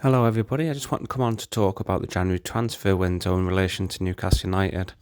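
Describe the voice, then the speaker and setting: Very deep, flat-voiced man in a voice note. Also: smooth, no echo, clean studio sound. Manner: measured, with frequent ums. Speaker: listener sending a voice note. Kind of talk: recorded voice note.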